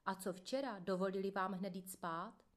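A woman voicing a male interrogating officer with a smooth, mock-courteous manner in a read-aloud story. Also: mid-range voice, steady tone, close to an everyday voice. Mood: mock-polite.

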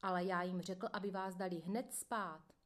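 A woman voicing a male interrogating officer with a smooth, mock-courteous manner in a read-aloud story. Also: lowish voice, steady tone, lightly acted. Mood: mock-polite.

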